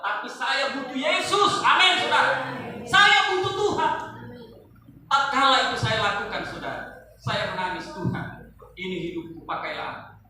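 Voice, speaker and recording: A pastor, a man, preaching a sermon to his congregation, swinging from loud rising calls to quiet asides. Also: high-pitched, slight background noise. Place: large church hall. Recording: echoey hall, voice from far off.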